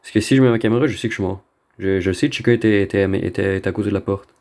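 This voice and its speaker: A Québécois gamer recording a video rambles casually through his commentary, slangy and sprinkling in bits of English slang. His voice sits on the low side, rapid-fire and darkish in tone.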